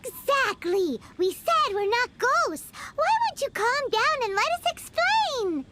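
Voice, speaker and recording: A squeaky excitable fairy companion, Paimon. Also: female voice, takes it slowly, very noisy, heavily acted. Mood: exasperated. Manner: squeaky, exclaiming, refers to herself by name. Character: tiny floating female fairy companion, excitable and blunt. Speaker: game character. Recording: studio game audio with loud music.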